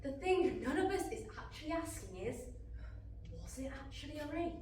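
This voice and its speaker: A young woman plays a blunt friend who presses hard questions in a high, lively voice. She is caught from far off on a very echoey stage. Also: fairly quick, slight background noise. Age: young adult. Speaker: student actor. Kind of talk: live stage acting. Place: theatre stage.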